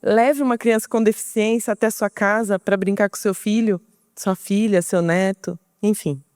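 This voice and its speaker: A woman's voice: medium pitch, steady tone, moderate pace, darkish tone, clear, resonant tone, no room sound, studio quality. A middle-aged woman with a Brazilian Portuguese accent, giving an informal talk and explaining patiently, often asking and answering her own questions.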